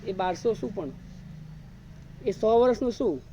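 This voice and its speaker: A man's voice: high voice, unhurried, dark tone, slight background noise. A man preaching an evening sermon as a monk, repeating his points and firing rhetorical questions at the audience. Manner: drills points by repeating phrases. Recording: dull lo-fi recording.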